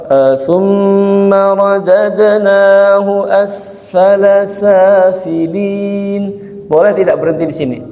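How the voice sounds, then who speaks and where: A man teaching Quran recitation in a casual religious lesson, asking rhetorical questions and demonstrating slow recitation, recorded in a mosque hall. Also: fairly high pitch, warm tone. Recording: echoey mosque hall with long reverb.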